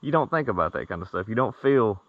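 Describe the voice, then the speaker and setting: A man talking casually to camera at home, rambling and easygoing, often trailing off into quiet asides. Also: on the low side, lively intonation, quick pace, no echo, narrow, tinny audio. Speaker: vlogger. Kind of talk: casual video outro. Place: at home after a ride.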